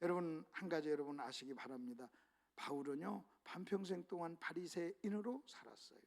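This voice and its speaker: A man preaching a sermon as pastor, asking rhetorical questions and speaking straight to the congregation, with his delivery moving between loud emphasis and low, quiet stretches. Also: a little fast, creaky.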